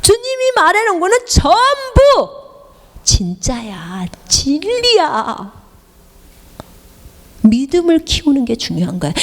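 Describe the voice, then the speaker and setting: Emphatic woman preacher in a reverberant hall. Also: extremely high pitch. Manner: emphatic, with rhetorical questions to the listener. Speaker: missionary preacher. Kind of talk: sermon. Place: church hall.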